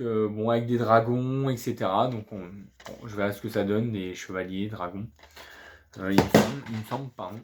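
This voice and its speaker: A man's voice: medium pitch, a little hiss or hum. A man talking casually in a vlog about things he found, chatty and upbeat, often restarting words and padding with fillers. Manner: chatty, hesitant, keeps restarting words and saying voilà; upbeat and pleased. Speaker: video game collector showing flea market finds.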